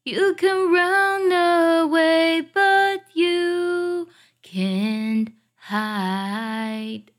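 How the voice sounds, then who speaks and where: A woman teaching an English song, explaining each line and singing it slowly as a demonstration. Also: medium pitch, a bit bright. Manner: explains pronunciation, then sings demo phrases.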